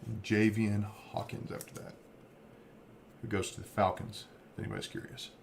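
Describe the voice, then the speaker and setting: A man's voice: fairly low pitch, very animated, normal speed, vocal fry. A man hosting a card break, casually rambling as he reads off player names. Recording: faint background noise.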